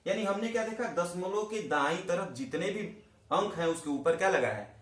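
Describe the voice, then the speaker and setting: A man's voice: high voice, lively intonation, normal speed. Echoey male math teacher quizzing students. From India. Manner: asks questions and answers them himself; addresses students directly, repeats key terms. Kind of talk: classroom math lesson. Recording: echoey room.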